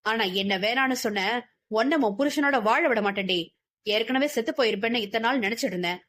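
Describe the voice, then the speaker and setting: A woman's voice: a little high, a little fast, fairly bright tone. A woman voicing a menacing, vengeful young man who taunts and threatens in an audiobook.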